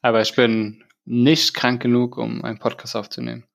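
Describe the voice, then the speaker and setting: A man's voice: mid-range voice, monotone, normal speed, vocal fry. A man in his thirties hosting a casual podcast, still a bit ill, telling a rambling story in slangy speech full of fillers. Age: 30s. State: recovering from illness. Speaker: podcast host.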